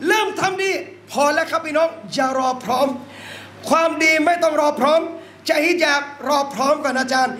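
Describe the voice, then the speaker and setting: A man preaching an Islamic sermon to a gathering in a noodle shop, impassioned and often breaking into shouts while calling his listeners brothers and sisters. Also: extremely high pitch, moderate pace, a little hiss or hum. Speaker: Islamic religious teacher. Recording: echoey room.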